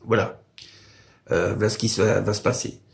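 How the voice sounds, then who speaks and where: An older man from Paris, France, talks to camera as a video blogger from his home in the countryside. His voice is fairly low, creaky and fairly even, at normal speed, and his casual, rambling monologue is hesitant, full of "euh" and "hein" fillers.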